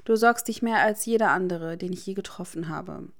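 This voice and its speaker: Woman reading a guarded teen wizard boy for an audiobook, dry teasing delivery, lowish voice. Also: moderate pace, fairly bright tone. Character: guarded sharp-tongued teenage wizard boy.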